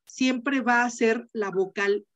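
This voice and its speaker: A woman's voice: a little high, steady tone, slow. A woman teacher giving an online class, explaining step by step, repeating key points and checking in with her students.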